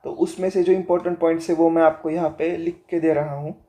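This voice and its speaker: A male teacher with a sore throat giving a lesson in a slow, deliberate way, reading the textbook aloud and then explaining it while mixing Hindi and English. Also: a little high, level tone, mellow. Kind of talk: classroom lecture.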